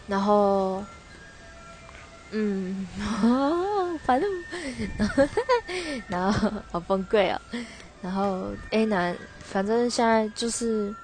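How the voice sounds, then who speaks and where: A young woman hosts a podcast, telling a personal story in a rambling, hesitant way that keeps correcting itself. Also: fairly low pitch. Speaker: podcast host.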